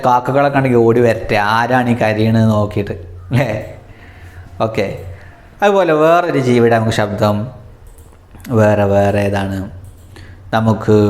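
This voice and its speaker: A man's voice: mid-range voice, a little mellow. A man teaching a children's language lesson, telling a story and imitating animal sounds for the class to repeat. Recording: echoey room.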